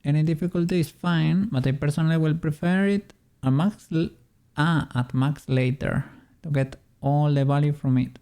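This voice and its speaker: A 3D modeling streamer chatting casually on a livestream and muttering quietly to themself while working. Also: medium pitch, steady tone, moderate pace, hardly any pauses.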